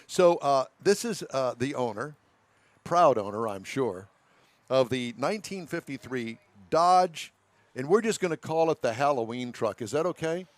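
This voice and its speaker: A man's voice: medium pitch, animated, moderate pace, no room sound. A folksy, jokey man hosting a live radio show with casual, rambling chat. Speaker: radio car show host. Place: live remote broadcast at a car show. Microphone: broadcast headset.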